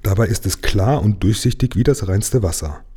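A man voicing a sad, gentle young mermaid princess in a storybook read aloud, with a soft, tearful voice. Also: on the low side, expressive, normal speed, slightly rough. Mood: sad, earnest.

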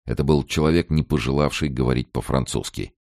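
A man reading a novel aloud as an audiobook narrator, with measured, grave storytelling. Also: extremely low pitch, darkish tone, no room sound, clean studio sound.

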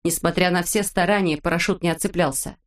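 A woman narrating a children's storybook in a fairly low, clear voice. Her reading is expressive and unhurried.

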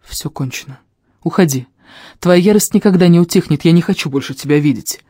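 An audiobook reader voicing a young woman singer, speaking softly but firmly in a warm, dry voice. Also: medium pitch, fairly quick, breathy edge, no echo, close to an everyday voice. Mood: stern. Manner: soft but firm. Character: gentle young woman singer, now stern.

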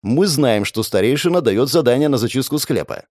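A man voicing a rough, aggressive bandit leader who barks threats and demands. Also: mid-range voice, expressive, fairly quick, dry recording, clean studio sound, close to an everyday voice. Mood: angry, threatening. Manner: barking, threatening, shouting demands. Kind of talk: audiobook character reading.

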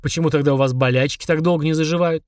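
A man's voice: fairly high pitch, steady tone, very fast, a little mellow, no room sound, close to an everyday voice. A man voicing a small, spiteful, grumpy demon who grumbles and snaps sarcastically, in a dry close recording. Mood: grumbling. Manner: grumbling, sneering, snapping.

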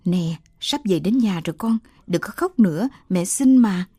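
A woman's voice: fairly low pitch, lively intonation, normal speed, dark tone, husky, no room sound, clean studio sound. A woman voicing a frightened young mother of three who speaks in an anxious, pleading way.

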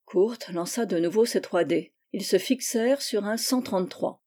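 Female audiobook narrator, calm and steady, mellow voice. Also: mid-range voice, normal speed. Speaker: audiobook reader. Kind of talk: scripted narration.

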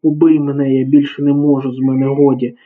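A man's voice: medium pitch, little pitch movement, brisk, lightly acted. A man voicing a panicking, exhausted male Italian safecracker who pleads in despair. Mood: hysterical. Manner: hysterical, desperate pleading. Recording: tinny phone-like sound.

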